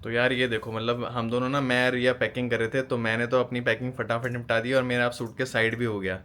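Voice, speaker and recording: A man's voice: medium pitch, level tone, quick pace, pushed and bright. A young man hosting a casual home vlog, chatting playfully with a laugh in his voice. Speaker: vlog host.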